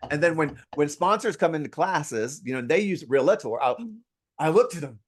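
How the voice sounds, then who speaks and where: A man who teaches real estate, talking in an interview with a lively, playful, emphatic manner from his home. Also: on the high side, moderate pace. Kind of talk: interview conversation. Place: at home near an outdoor deck.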